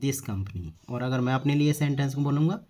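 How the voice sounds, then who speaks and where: A man teaching spoken English, slowly repeating each example sentence twice. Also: medium pitch, warm tone. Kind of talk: spoken English lesson in Hindi.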